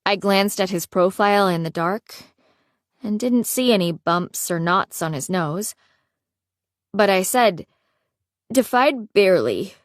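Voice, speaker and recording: A woman reading a first-person romance audiobook in a steady storytelling manner. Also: medium pitch, measured pace, dry recording, studio quality. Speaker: audiobook narrator.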